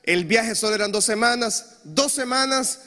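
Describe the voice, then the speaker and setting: A man's voice: very high-pitched, moderate pace, pushed and bright, in a large hall. A young male pastor preaching a sermon with animation, leading the congregation in call-and-response. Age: young adult.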